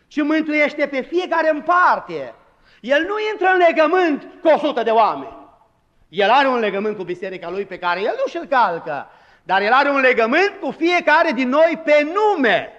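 High-voiced man preaching in a hall. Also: fairly bright tone, highs cut off. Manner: emphatic preaching, dramatic quoted lines. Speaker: pastor. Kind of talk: sermon.

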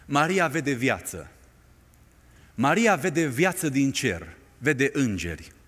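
Male preacher, high animated voice, dramatic sermon delivery, long hall reverb. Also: breathy edge. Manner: impassioned, dramatic rises and hushed drops.

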